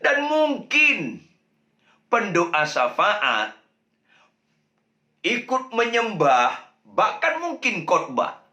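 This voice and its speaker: A man's voice: wildly swooping pitch, extremely slow, long pauses, pushed and bright, roomy sound. A man with an Indonesian accent preaching a sermon as pastor, emphatic, repeating key phrases for weight. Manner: emphatic preaching with repetition and pitch swings. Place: church sanctuary.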